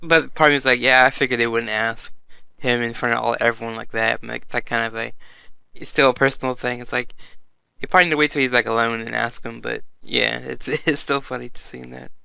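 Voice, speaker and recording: A man's voice: mid-range voice, fairly even intonation, fast talker, gravelly, pushed and bright, clean tone, no echo. A man co-hosting an anime review in casual chat, reacting to the plot and laughing often. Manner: chatty, laughs often, quotes characters.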